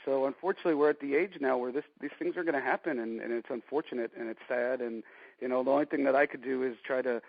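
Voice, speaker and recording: A man's voice: mid-range voice, fast talker, vocal fry, dry recording. A man in his forties, a guest telling stories in a casual interview and filling his talk with "you know". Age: 40s. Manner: rambling storyteller, many "you know" fillers. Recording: dry, dull lo-fi line.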